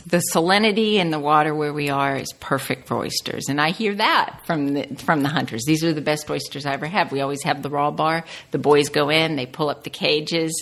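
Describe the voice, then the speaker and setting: A woman's voice: sits low, a little fast, creaky, hardly any pauses, fairly bright tone. A middle-aged woman from rural Virginia chatting casually as an interview guest, telling personal stories in a rambling way that wanders into tangents. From rural Virginia, United States. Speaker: guest, home cook and cookbook author.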